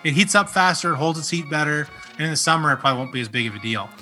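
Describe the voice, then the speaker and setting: A man in a relaxed podcast chat who rambles through his points with plenty of fillers and quick jokes. His voice is very bright and forward, with faint music underneath. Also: fairly high pitch. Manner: joking, rambling with many fillers. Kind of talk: casual chat.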